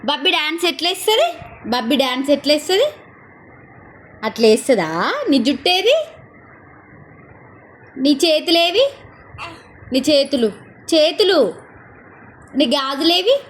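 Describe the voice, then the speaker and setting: High, sing-song woman cooing at a baby. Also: expressive, moderate pace, long pauses, fairly bright tone, slight background noise. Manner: sing-song, repetitive coaxing questions. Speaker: caregiver talking to a baby. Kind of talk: playful baby talk.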